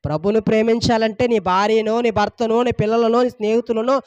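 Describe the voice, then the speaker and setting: High-voiced man preaching emphatically. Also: fairly even intonation, a little fast, clean tone, no echo, dull audio. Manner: emphatic, repetitive preaching with rising and falling intensity. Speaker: pastor. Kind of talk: sermon.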